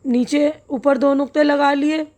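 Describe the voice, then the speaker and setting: High-voiced woman teaching slowly. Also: steady tone, darkish tone. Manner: patient, spells words out slowly letter by letter; checks in often with the listener. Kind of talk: step-by-step classroom lesson.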